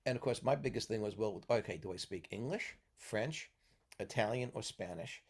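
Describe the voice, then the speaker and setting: This man's voice is on the low side, husky and darkish, moving at normal speed. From New York in the US Northeast, he acts as a mentor in a casual podcast chat, lecturing at length and checking in with "okay?" after each point.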